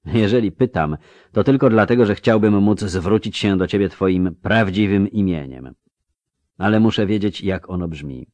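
A man voicing a stern, commanding middle-aged emperor who asks curt, sharp questions. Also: low voice, moderate pace, no room sound, close to an everyday voice. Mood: quietly remorseful. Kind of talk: audiobook character voice.

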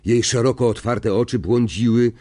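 A man narrating an audiobook in an expressive, suspenseful way. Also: medium pitch, moderate pace.

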